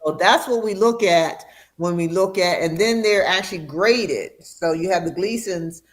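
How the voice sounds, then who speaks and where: A middle-aged woman speaks as a guest doctor in an interview, explaining clearly and patiently. She slows down to drive home important points and sometimes laughs as she talks. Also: on the low side. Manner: warm, explanatory, slows for emphasis. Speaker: radiation oncologist guest. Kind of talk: educational interview.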